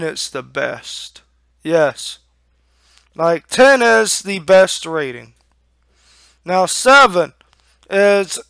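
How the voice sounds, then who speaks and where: A young man giving a casual, halting review to camera on a headset mic, talking with a lip full of dip. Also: sits high, fairly bright tone, clean tone, no echo, studio quality. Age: young adult. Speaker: amateur product reviewer. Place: small room at home. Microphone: headset microphone.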